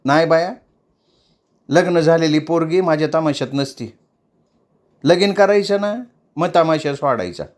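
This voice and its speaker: A man's voice: on the high side, measured pace, pauses often, voice pushed up, lightly acted. A man voicing an older mother who runs a tamasha troupe, scolding bluntly in rural dialect.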